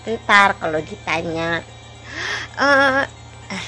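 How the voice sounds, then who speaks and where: A woman's voice: medium pitch, expressive, very slow, sharp tone, soft background music. A woman telling a casual vlog story, giggling and making fun of herself. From Java. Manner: giggly, self-mocking, laughs often between phrases. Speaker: vlogger.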